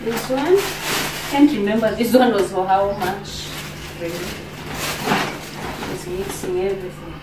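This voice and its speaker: A woman in her thirties from Kenya, with a Kenyan accent, chatting casually through her groceries with many fillers and pauses. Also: mid-range voice, fairly even intonation. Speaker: vlogger. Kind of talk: casual grocery haul vlog. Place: home kitchen, indoors. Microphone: camera on the counter, a few steps away. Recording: roomy kitchen, distant camera, background hiss.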